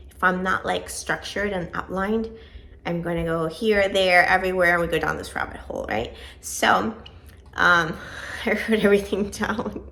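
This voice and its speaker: Vlogging from home, a creaky-voiced woman with a medium pitch and a slightly bright tone talks to camera in a rambling, self-deprecating way. She's in her thirties and nearing forty, born in Venezuela and brought up in Georgia.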